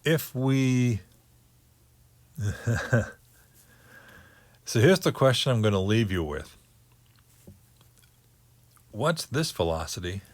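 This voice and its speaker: A man giving a physics lecture on orbits, working through figures slowly and thinking aloud with many pauses. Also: medium pitch, lively intonation, no echo. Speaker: teacher.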